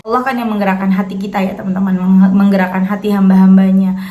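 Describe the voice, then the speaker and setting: A woman's voice: medium pitch, flat delivery, fast, reverberant, narrow, tinny audio. A woman host, reading out a viewer's letter and then reflecting on faith, speaking chattily and often addressing her listeners as friends.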